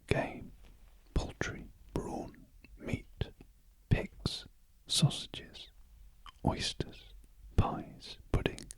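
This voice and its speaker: British man whispering a gentle ASMR story, slowly. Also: no echo, poor audio. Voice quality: soft, breathy unvoiced whisper. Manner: very gentle, slow, measured reading with pauses. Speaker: ASMR reader. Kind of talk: whispered ASMR audiobook narration of a classic story. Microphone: close ear-to-ear stereo microphone.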